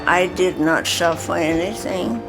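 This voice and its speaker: A woman's voice: fairly low pitch, a little slow, over loud music. A hundred-year-old woman from Denmark, plainly recalling her life in a documentary interview. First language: Danish. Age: 100s. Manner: plainspoken, matter-of-fact reminiscing.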